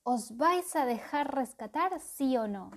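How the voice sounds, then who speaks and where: A woman's voice: high voice, animated, takes it slowly, pitched above the performer's own voice, exaggerated voice. A woman voicing a tiny, grumpy male goblin in a storybook, grumbling and touchy. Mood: impatient.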